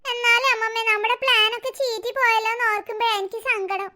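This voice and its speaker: A scheming little girl whines and pleads, voiced by a cartoon voice actor. Her voice is very high and bright, and her lines tumble out fast. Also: fairly even intonation. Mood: sulky. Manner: whiny, then shrieking in panic. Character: mischievous little girl, scheming and easily scared. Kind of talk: cartoon voice acting.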